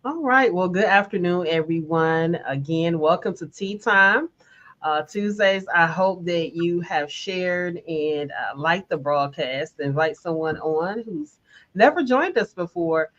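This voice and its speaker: A woman's voice: fairly low pitch, animated, unhurried, fairly bright tone. A woman leading a guided wellness session on a live stream, encouraging viewers and reading their comments aloud. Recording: dull lo-fi stream audio.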